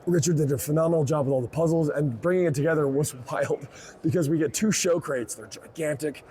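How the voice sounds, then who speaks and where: A man being interviewed at a convention, talking in a rambling, excited way, correcting himself and laughing often. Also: fairly high pitch, brisk. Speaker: event organizer interviewee.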